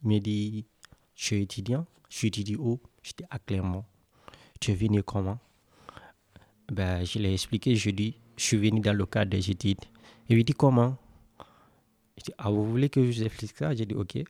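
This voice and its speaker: A man's voice: fairly low pitch, brisk, darkish tone, no room sound. A young man from West Africa telling a personal story in a casual, conversational way, acting out the dialogue.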